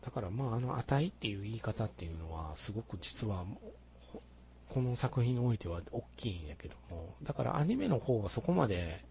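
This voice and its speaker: A man with a Kansai accent talking casually about a film as a podcast co-host, animated when telling a story. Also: lowish voice, fairly quick, creaky, dull audio, slight background noise. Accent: Kansai Japanese.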